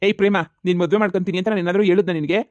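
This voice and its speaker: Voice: medium pitch, fairly even intonation, racing, a little mellow, no echo, muffled recording, lightly acted. A voice actor playing an exasperated man who refuses a marriage, in a cartoon comedy. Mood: irritated scolding.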